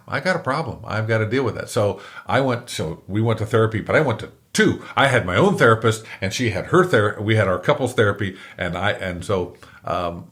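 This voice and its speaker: A man's voice: on the low side, fairly bright tone. A middle-aged man, a comedian guest on an interview show, telling candid stories and acting out the voices in them with self-mocking humor. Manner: self-deprecating, acts out quoted exchanges. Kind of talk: candid conversational storytelling.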